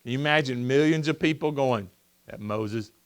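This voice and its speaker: A man's voice: mid-range voice, moderate pace. A male pastor preaching a sermon, asking the congregation questions and acting out the voices of people in the story. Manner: animated, asks the congregation questions and acts out voices. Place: church sanctuary.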